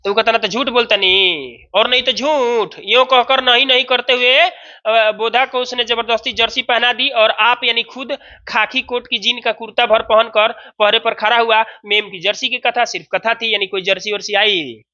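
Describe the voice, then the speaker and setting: Bihari Hindi teacher, chatty, quizzes students, crisp bright tone, muffled recording. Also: male voice, extremely high pitch, steady tone, moderate pace. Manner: chatty, asks students questions. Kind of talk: explaining a story in class.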